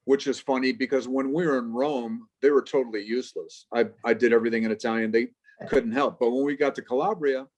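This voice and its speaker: A man in his fifties from Chicago, a professor telling stories with quick jokes as a guest on a video-call interview. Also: medium pitch. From Chicago, United States. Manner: lively storyteller, quick asides and jokes.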